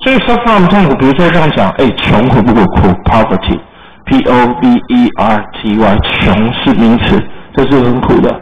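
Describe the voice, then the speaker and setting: A man's voice: mid-range voice, animated, moderate pace. A man with a Taiwanese Mandarin accent teaching English vocabulary to a class, spelling words letter by letter and explaining them in Chinese. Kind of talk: classroom lesson. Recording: roomy, muffled classroom recording with faint noise.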